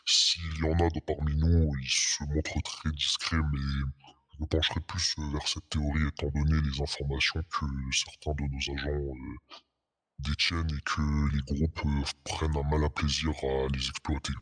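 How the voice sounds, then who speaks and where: A man playing an anonymous police officer giving guarded, hesitant, formal testimony in a disguised deep voice put through a voice changer. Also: little pitch movement, moderate pace, fairly bright tone, husky, heavily acted. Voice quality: disguised, artificially deepened voice. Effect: pitch-lowering voice changer. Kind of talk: role-play interview. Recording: long echoing reverb, muddy voice.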